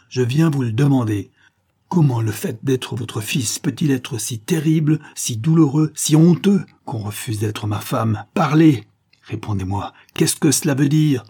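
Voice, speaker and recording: Guy reading a frantic young son, pleading hard, husky voice. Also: mid-range voice, warm tone, exaggerated voice. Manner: pleading, impassioned. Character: desperate young man, the banker's son.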